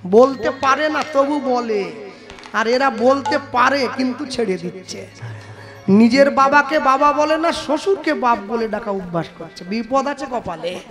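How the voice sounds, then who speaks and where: High-voiced man preaching over kirtan music. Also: measured pace. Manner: animated storytelling, breaks into sung chant. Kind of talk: devotional kirtan sermon with singing. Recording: music playing under the voice.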